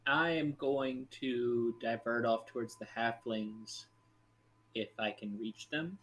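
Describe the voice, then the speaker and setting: A man playing a tabletop game, blunt and deliberate. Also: mid-range voice, a bit bright, slight background noise. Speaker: player. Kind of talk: casual tabletop play.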